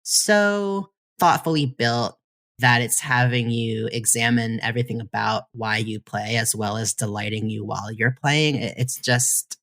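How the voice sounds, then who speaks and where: Very deep-voiced woman podcast co-host. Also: a little slow, a bit bright. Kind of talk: casual podcast chat.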